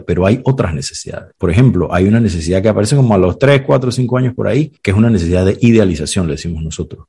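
A clinical psychologist reflects on ideas in a podcast, using examples and acted quotes and frequently checking in with "¿sabes?" and "¿ves?", meaning "you know?". His voice is fairly low, warm, and slightly rough.

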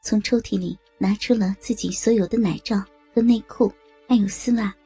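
Woman storyteller, husky, mellow tone, faint music underneath. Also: mid-range voice, normal speed. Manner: steady, even storytelling narration. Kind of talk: scripted narration of an audio story.

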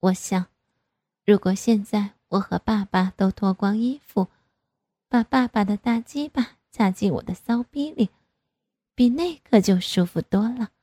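A woman reading a first-person story aloud in a slow, even way. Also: mid-range voice, no echo. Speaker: narrator.

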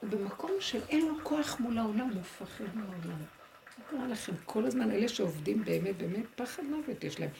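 Gravelly-voiced woman teaching Torah. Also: mid-range voice, slight background noise. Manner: lively, rhetorical questions, acts out inner dialogue. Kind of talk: Torah lesson to a group.

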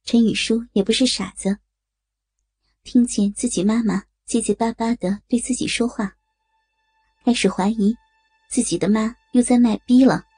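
A woman narrating an explicit adult audio story in a steady, matter-of-fact reading voice. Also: fairly high pitch, moderate pace, pauses often, breathy edge, no room sound. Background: faint music.

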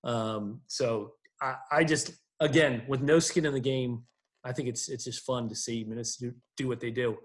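A man co-hosting a casual sports podcast, animated and quick to laugh, often repeating his words. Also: medium pitch. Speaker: podcast co-host.

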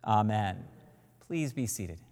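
A man, a priest leading a church service, praying in a slow, measured, solemn intoning voice, heard with a cathedral echo. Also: on the low side, expressive, vocal fry, a little mellow. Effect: cathedral echo, long reverb of a large church. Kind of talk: liturgical prayer. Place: large church. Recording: long echoing church reverb.

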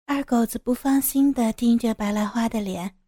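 A woman narrating a serialized audio story with a calm, steady, descriptive reading. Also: fairly high pitch, normal speed, dry recording, studio quality.

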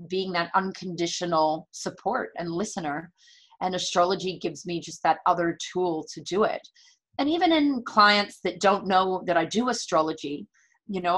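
A woman speaks as an interview guest in a slightly low voice. She explains things earnestly and conversationally, repeating key words for emphasis. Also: a bit bright, poor audio. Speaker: interview guest, natural medicine practitioner and medical astrologer.

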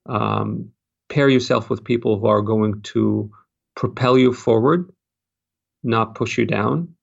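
A man from Jordan, a cardiologist, giving measured advice in an interview with many fillers and restarts. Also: on the low side, creaky, lo-fi sound. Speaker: cardiologist, fellowship program director.

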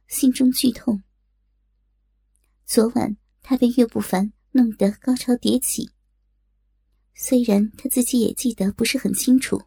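A woman narrating a martial-arts storybook with measured, expressive reading. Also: fairly high pitch, vocal fry, breathy edge, dry recording, clean studio sound.

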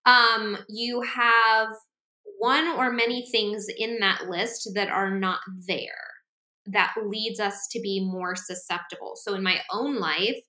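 A woman talking on a podcast in a loose, chatty way, leaning on fillers as she goes. Her voice is bright and forward. The sound carries a roomy echo. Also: mid-range voice, slow pace. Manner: frequent "like" and "um" fillers, animated. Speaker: podcast co-host. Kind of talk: casual podcast chat.

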